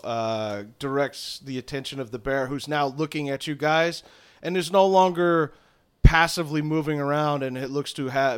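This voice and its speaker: A man running a tabletop game as game master, narrating in a halting way with many fillers. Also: medium pitch, clean tone.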